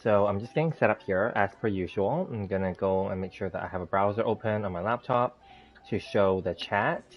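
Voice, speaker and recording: Speaking a little fast in a voice on the low side, a man casually hosts a gameplay livestream, rambling along as he narrates each step. A slight lisp gives the impression he just bit his tongue, and background music runs under the dull, lo-fi recording.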